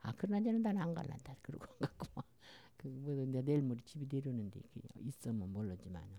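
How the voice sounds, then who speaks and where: Her voice rumbles low and warm, with lively intonation, a fast pace and some vocal fry. She's an older woman from Jeolla, Korea, being interviewed in a casual chat, spinning rambling stories in a thick Jeolla dialect.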